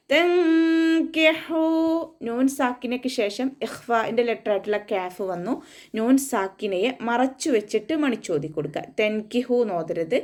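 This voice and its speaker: A woman gives a tajweed lesson at a mid-range pitch. She talks through the rules patiently and repeats them often. She stops now and then to chant a short phrase slowly as an example. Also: a little mellow. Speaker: Quran recitation teacher. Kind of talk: tajweed lesson, explaining then demonstrating recitation.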